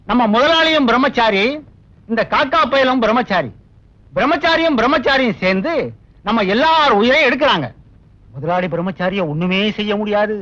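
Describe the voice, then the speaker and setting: An actor playing a scheming office worker who rallies colleagues against a rival. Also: male voice, extremely high pitch, bright, forceful tone, exaggerated voice. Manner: conspiratorial, wheedling. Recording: dull old film soundtrack.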